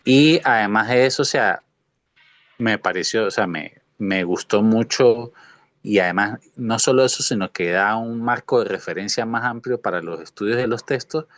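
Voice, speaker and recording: A man's voice: on the low side, normal speed, fairly bright tone, no echo. A man, a graduate student speaking earnestly to his professor, hedging with many fillers.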